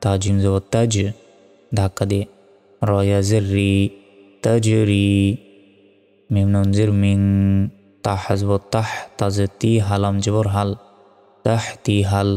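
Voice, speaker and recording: A man teaching Quran reading, spelling out syllables slowly and then reciting them in a melodic chant. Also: on the low side, completely flat delivery, mellow, clean tone. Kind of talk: letter-by-letter recitation lesson. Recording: long reverb hall with faint music.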